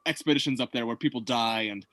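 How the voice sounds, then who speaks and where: A man's voice: mid-range voice, fast, bright, forceful tone, no echo. A man hosting a casual chat, rambling with many fillers and restarts. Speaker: host.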